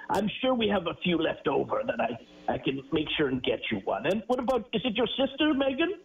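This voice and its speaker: Casting: male performer as kindly old Father Christmas, exclamatory and swooping in pitch, chuckly radio call-in chat, slightly muffled line. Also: sing-song, brisk. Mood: warm, cheerful. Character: Santa Claus, jolly kindly old man taking children's calls. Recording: dull, noisy radio call-in sound.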